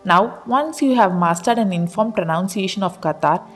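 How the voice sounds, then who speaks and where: A woman narrating a pronunciation explainer in an even, read-aloud delivery. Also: medium pitch, moderate pace, soft background music. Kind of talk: scripted narration of an article.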